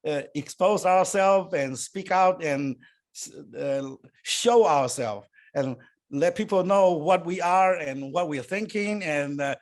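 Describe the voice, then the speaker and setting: Answering interview questions as a guest, an older man from Taiwan hesitates a lot, with many fillers and false starts. Chinese is his first language and English his second, and his voice sits a little high.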